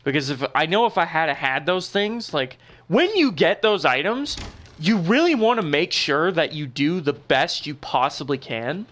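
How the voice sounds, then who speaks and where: Young adult male let's-play host, slightly high voice, loose rambling chat with fillers and casual swearing. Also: animated, normal speed, fairly bright tone. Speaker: gaming channel host. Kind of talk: casual gameplay commentary.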